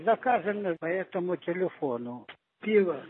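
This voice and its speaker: A man's voice: high voice, expressive, moderate pace, slight background noise. A man whose voice comes as choppy, repeated soundboard clips played into a prank phone call, with abrupt one-word replies. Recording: muffled phone line.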